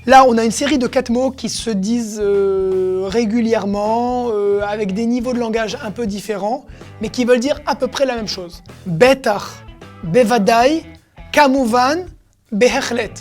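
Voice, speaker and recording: A woman with a fairly high voice teaches vocabulary in a relaxed, chatty way. She explains each word patiently and acts out the phrases, with faint music playing behind her. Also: a little slow. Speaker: Hebrew teacher. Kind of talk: casual vocabulary lesson.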